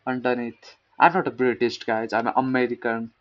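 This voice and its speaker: A man's voice: medium pitch, level tone, a little fast. A man talks through a coding article in a loose, rambling way, often stopping to repeat a word until he says it right. He pokes fun at himself as he goes. The recording is dull and lo-fi. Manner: rambling, self-mocking, repeats words to practice pronunciation. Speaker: programmer reading a tech post. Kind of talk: casual screen-recorded coding talk.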